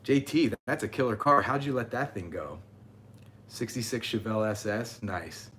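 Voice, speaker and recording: A man's voice: fairly low pitch, moderate pace, a bit bright, a little hiss or hum. A man in his forties hosting a casual livestream, chatting and reading viewer comments aloud. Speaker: channel host.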